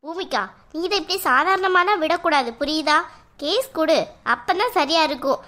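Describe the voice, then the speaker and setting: A woman's voice: very high-pitched, normal speed, pushed and bright. A woman voicing a nosy, scheming female relative who probes and insinuates, in a cartoon. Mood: probing. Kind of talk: cartoon voice acting.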